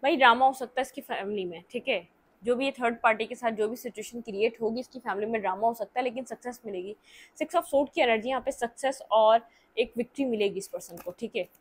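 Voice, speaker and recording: A woman with a Hindi accent giving a tarot reading, explaining each card in a thinking-aloud way and often pausing on fillers. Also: a little high. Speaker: tarot reader.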